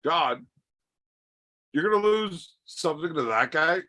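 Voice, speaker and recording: A man's voice: on the high side, animated, measured pace, bright, forceful tone, no echo. A man joking around in casual chat, teasing others with crude banter while a little drunk. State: tipsy.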